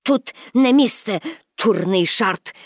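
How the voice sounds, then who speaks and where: A woman voicing a gruff, hissing male circus director who growls his words low. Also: lively intonation, slow pace, no room sound, clean studio sound. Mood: angry.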